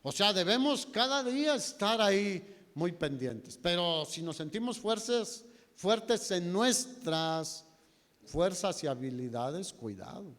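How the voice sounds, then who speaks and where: A man's voice: sits high, animated, slow, fairly bright tone, in a large hall. A man with a Mexican Spanish accent preaching a sermon, telling the story dramatically, his voice swinging from raised to nearly whispered. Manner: dramatic storytelling, voice rising and dropping to near whispers. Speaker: pastor. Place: church hall.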